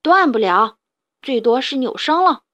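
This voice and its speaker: A woman's voice: high-pitched, very animated, unhurried, fairly bright tone, no echo, lo-fi sound, full character voice. A woman voicing a sturdy young male badger who speaks in an earnest, childlike way in a storybook tale.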